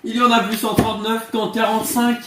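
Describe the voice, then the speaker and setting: A man's voice: sits high, little pitch movement, fairly quick, recorded from a distance, heavy background noise. A man casually telling jokes in a duel, trying not to laugh. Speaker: participant in a joke duel. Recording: roomy echo, loud guitar music behind.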